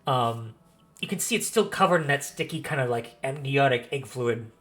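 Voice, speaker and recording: A man narrates a tabletop fantasy game as its game master. He improvises, circling back to repeat and rephrase his descriptions in a middle-pitched voice. Music plays behind him. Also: animated, moderate pace, fairly bright tone. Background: background music.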